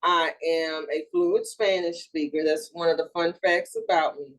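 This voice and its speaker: In this recorded teaching talk, a Houston-born therapist in her thirties who works with grief and trauma speaks in a low voice with fairly even intonation. Her delivery is sincere and measured, dotted with little fillers and corrections. The audio is poor.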